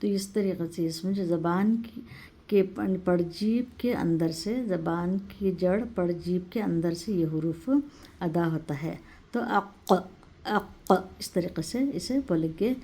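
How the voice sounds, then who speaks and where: A woman teaching the pronunciation of Arabic letters, who explains slowly and step by step and repeats each sound several times in a drawn-out way. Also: lowish voice, mellow, slightly rough. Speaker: Quran recitation teacher. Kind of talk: patient pronunciation lesson.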